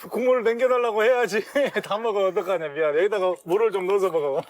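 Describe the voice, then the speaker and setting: An older man, a stepfather talking bluntly and gruffly with his daughter in a documentary. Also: high voice, fast talker, no room sound. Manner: gruff, blunt, teasing banter. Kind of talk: casual family talk.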